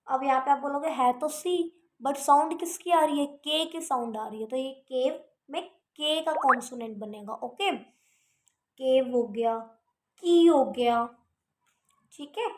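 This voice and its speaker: A woman's voice: high voice, measured pace, a little mellow, reverberant. A woman teaching shorthand in casual Hindi with English terms. She keeps checking understanding with "theek hai". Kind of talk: casual classroom explanation.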